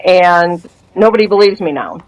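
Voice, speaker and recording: In a rough recording, a woman in her fifties with a lowish voice speaks at a moderate pace, sharing her testimony as a casual interview guest. She tells the story with animation, playing out the dialogue of the people involved and laughing often.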